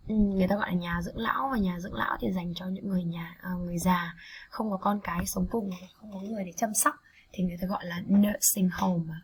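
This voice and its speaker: A Vietnamese-speaking woman teaching English vocabulary, repeating each word slowly for students to echo, then explaining quickly. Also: medium pitch, slightly rough. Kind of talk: vocabulary lesson with repetition drills.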